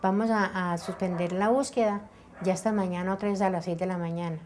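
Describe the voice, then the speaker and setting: A woman giving slow, grieving testimony as a mother searching for her daughter. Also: fairly low pitch, fairly even intonation, darkish tone. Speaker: bereaved mother interviewee. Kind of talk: emotional testimony.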